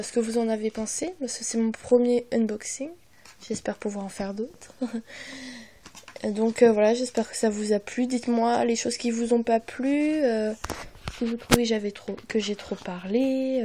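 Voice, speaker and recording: A woman's voice: a little high, warm tone, a little hiss or hum. A young woman narrating a casual unboxing, hesitant and apologetic, with many fillers, often dropping to a half-whisper, recorded on her phone. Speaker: vlogger.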